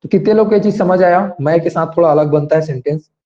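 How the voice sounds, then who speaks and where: Guy teaching grammar over an online class, kinda high voice but dark and mellow, goes slow, asks everyone to raise hands. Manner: explains slowly, asks students to raise hands. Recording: dull lo-fi sound.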